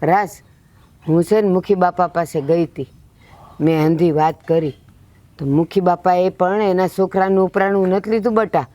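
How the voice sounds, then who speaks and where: A woman's voice: lowish voice, steady tone, normal speed, dark tone, dry recording, lightly acted. A woman plays an older village mother in a village family drama, soothing and pleading with her children. Her voice is recorded dry and close.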